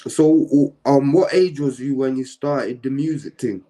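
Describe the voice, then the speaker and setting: A man hosts a live-streamed interview, chatting in a relaxed way and often tagging his questions with slang. His voice is medium-pitched and his pace is measured.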